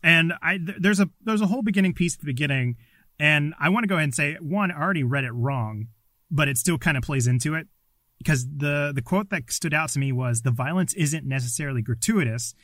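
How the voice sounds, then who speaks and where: A man's voice: a little high, a little fast, a bit bright, no echo. A man co-hosting a casual podcast, chatting informally from a small closet. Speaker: podcast co-host.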